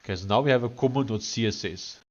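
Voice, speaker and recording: A man's voice: medium pitch, fast talker. Man with a thick Afrikaans accent, slightly dull mic. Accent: thick Afrikaans South African. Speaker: live streamer coding on screen. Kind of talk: casual live-stream chat mixed with dictated instructions.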